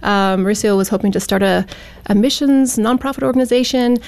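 A woman from Canada, a teacher and author, telling her story in a chatty, animated way. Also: medium pitch, brisk, vocal fry, clear, resonant tone. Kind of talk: interview storytelling.

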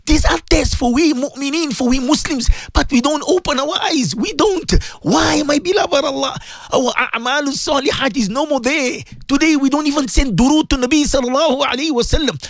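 A South African man preaches an impassioned religious supplication in a very high-pitched, gravelly voice, speaking a little fast. Pleading and emotional, he repeats his phrases and often rises to a cry. The recording is dry.

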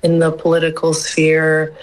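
A woman answers interview questions in a slow, deep and level voice. She hesitates constantly, filling gaps with soft fillers, and speaks as an activist guest. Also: monotone, poor audio. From United States.

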